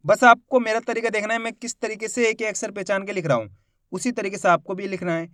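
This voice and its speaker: A man teaching a Hindi spelling lesson, sounding out each syllable slowly and asking his viewers repeated teaching questions. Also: high voice, steady tone, pushed and bright, no room sound, studio quality. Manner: addresses viewers as friends.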